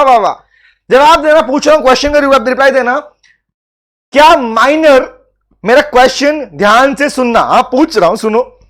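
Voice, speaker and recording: A man teaching a live online law class, teasing and calling on students by name, repeating phrases for emphasis. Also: very high-pitched.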